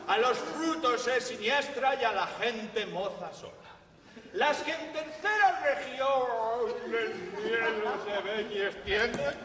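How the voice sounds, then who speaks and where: A man playing a slow, lecturing old father. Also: sits high. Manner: lecturing slowly. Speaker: stage actor. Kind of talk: classical verse theatre. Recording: echoey theatre stage from far off.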